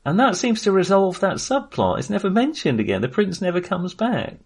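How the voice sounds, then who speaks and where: A man with a high, husky, sing-song voice talks fairly quickly as a co-host on a casual film-review podcast. He comes across as hesitant and self-deprecating.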